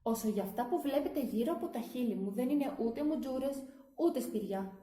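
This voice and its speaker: A woman's voice: fairly high pitch, animated, mellow, echoey room, close to an everyday voice. A woman voicing a lonely, shy handmade water glass in a children's story, with a timid, stammering delivery. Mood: earnest.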